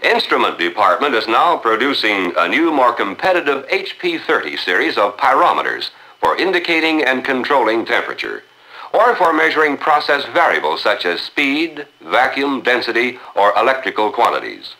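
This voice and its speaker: A man hosting an old 1950s newsreel in a crisp, upbeat announcer manner. His voice is bright and moves in a lively way. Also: medium pitch, moderate pace, poor audio. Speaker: newsreel host.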